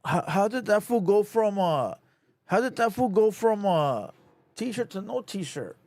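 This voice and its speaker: A man's voice: high-pitched, expressive, measured pace, darkish tone, no echo. Casual male streamer, easygoing slang, dead-dry close sound. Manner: laid-back slang, lots of "you know" and "bro". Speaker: livestream host. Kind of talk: casual livestream commentary.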